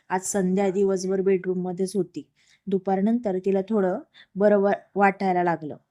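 A woman narrating a romance story in a steady, plain storytelling manner. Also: medium pitch.

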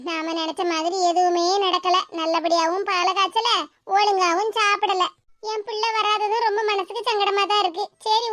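A woman's voice: extremely high pitch, fairly bright tone, no echo. A woman voicing a fretful cartoon mother. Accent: Tirunelveli Tamil. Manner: fretful muttering. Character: worried mother missing her daughter.

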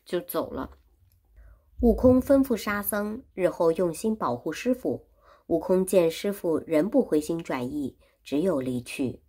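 A woman's voice: fairly low pitch, animated, measured pace, warm tone, husky. A woman teaching Chinese who retells a classic story in simple words and repeats and explains each phrase. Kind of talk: storytelling lesson.

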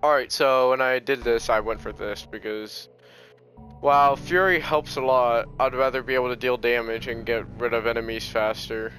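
Brief: relaxed male streamer, mid-pitched, joking gameplay commentary. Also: normal speed, faint music behind. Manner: laid-back, joking.

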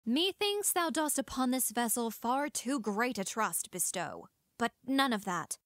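An actress playing a proud, sharp-tongued young rebel princess, speaking formal archaic verse in an audio drama. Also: female voice, a little high, expressive, unhurried, no echo, studio quality. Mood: sharp, earnest.

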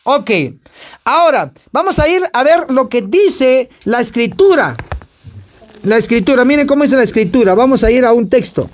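A man's voice: very high voice, expressive, normal speed. A male pastor preaching a sermon and firing questions at his congregation to get answers back.

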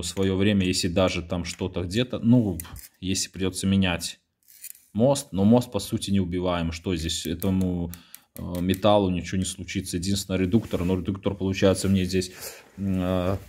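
Lowish guy in his garage, ums a lot, walks you through his homemade tractor on the camera mic. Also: a little mellow. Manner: halting, many fillers and restarts. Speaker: home mechanic showing his build. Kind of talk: casual garage walkthrough.

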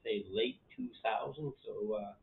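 A middle-aged man sits in his living room and chats straight to the camera, his voice a little low and unhurried. He rambles at an easy pace and fills the gaps with "uh" and "yeah". The sound is thin and tinny, like a phone line. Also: creaky. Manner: relaxed, rambling, with frequent fillers. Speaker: channel host. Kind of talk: casual vlog talk to camera. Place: living room at home, indoors. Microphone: camera in front of him.

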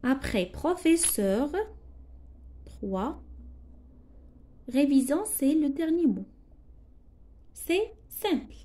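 A woman teacher with a Moroccan accent walks young pupils through a lesson at an unhurried pace. Her voice sits high but has a mellow, soft tone. She is patient and spells things out letter by letter. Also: expressive. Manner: slow, patient, spells out letters and translates words. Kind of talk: classroom lesson explanation.

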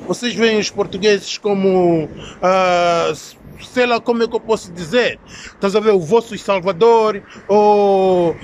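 A man in his thirties with a high voice and an Angolan accent, a social media commentator, records an opinionated vlog on a phone held at arm's length. He speaks emphatically, repeats himself, and pauses to search for words. He's outdoors in an alley beside brick buildings, and street and traffic noise come through clearly.

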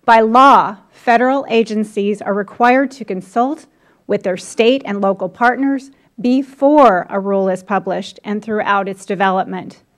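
A woman reads prepared testimony before a congressional committee, speaking at a mid-range pitch. Her delivery is formal, measured and deliberate, every point laid out in order. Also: fairly even intonation. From United States. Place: congressional hearing room.

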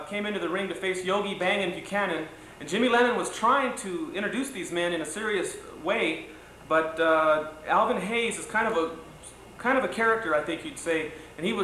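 A middle-aged man hosting a boxing show, giving a halting, conversational tribute to camera in an echoey room. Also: high voice, pushed and bright. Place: living room, indoors. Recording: echoey room, faint noise, old video.

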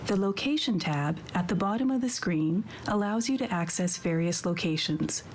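A woman narrates scripted tutorial instructions for a video game, her voice on the low side yet animated, at a normal pace. She is clear-worded, instructional and composed. Slight background noise can be heard.

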